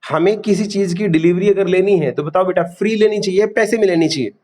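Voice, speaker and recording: A man's voice: high voice, fairly quick, a little mellow. A man teaching a class, quizzing students and repeating key terms. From India. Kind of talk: classroom lecture.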